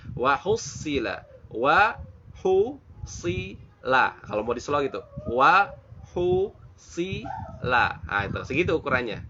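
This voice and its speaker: A man giving a casual Quran recitation lesson, patiently repeating and slowly modeling Arabic sounds. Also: mid-range voice. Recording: dull lo-fi phone recording with faint hiss.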